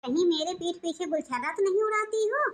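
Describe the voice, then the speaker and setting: A woman's voice: very high-pitched, lively intonation, brisk. A woman voicing a short-tempered, suspicious young husband and son-in-law in a cartoon, talking in a curt, scolding way. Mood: angry.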